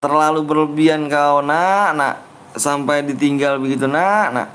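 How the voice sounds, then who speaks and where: Young betawi guy on a game stream, kinda high voice, jokey teasing the viewers nonstop. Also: a little slow, fairly bright tone, a little hiss or hum. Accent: Betawi Jakarta. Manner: teasing, playful, often mimics viewers' pleas. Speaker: livestream gamer. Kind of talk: casual game livestream chat.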